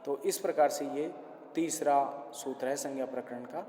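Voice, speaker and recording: A man's voice: medium pitch, moderate pace, crowd noise. A male college lecturer explaining grammar rules in a classroom lecture, patiently repeating each point in simpler words. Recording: echoey hall.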